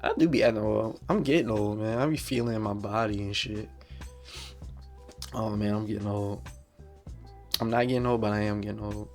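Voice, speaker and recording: A man's voice: lowish voice, fairly even intonation, moderate pace, long pauses, darkish tone, soft background music. A man in his twenties hosting a solo podcast, talking bluntly in slangy, profane, repetitive casual speech. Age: 20s. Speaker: podcast host.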